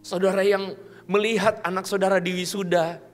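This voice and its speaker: A man's voice: high-pitched, normal speed, soft background music. A male pastor preaching a sermon, telling a story and often addressing the listeners directly. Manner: animated, addresses listeners as saudara.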